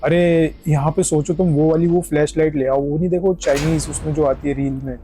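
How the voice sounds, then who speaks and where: A young man from India giving casual gameplay commentary, excitable, repeating words in quick bursts and mixing English gaming slang into his talk. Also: fairly high pitch, noisy background. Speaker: gaming streamer.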